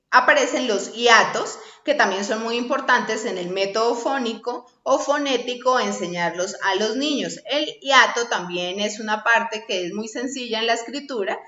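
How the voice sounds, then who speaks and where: A woman's voice: a little high, pushed and bright. A woman instructor giving a recorded online lesson, explaining step by step and often checking in with her students. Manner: slow, explanatory, checks in with "¿sí?" and "¿listo?". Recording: echoey room, slightly dull sound.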